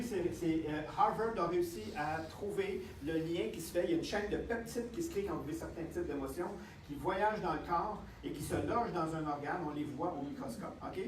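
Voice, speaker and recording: Man with a Quebec accent, higher voice, lively seminar talk, echoey room, far from mic. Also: a little hiss or hum. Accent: Quebec French. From Canada. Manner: lively, checks in with the audience constantly. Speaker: health speaker. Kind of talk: live seminar talk to an audience. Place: lecture room with audience. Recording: echoey room, distant mic, faint ambience.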